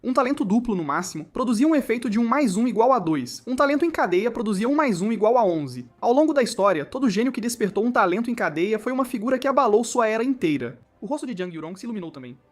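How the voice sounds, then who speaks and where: Lively story recap narrator. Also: medium pitch, quick pace, few pauses. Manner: lively storytelling delivery in second person. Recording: faint music underneath.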